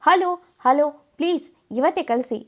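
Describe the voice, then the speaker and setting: A woman's voice: on the high side, lively intonation, unhurried. A woman voicing a grieving young wife who turns determined and angry. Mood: tearful. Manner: tearful, then angry and firm.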